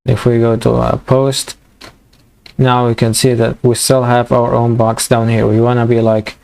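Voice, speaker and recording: Halting man teaching code, voice going. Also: medium pitch, completely flat delivery, gravelly, darkish tone, clear, resonant tone. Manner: halting, many fillers and restarts. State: losing his voice. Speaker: programming tutor. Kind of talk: screen-recorded coding tutorial.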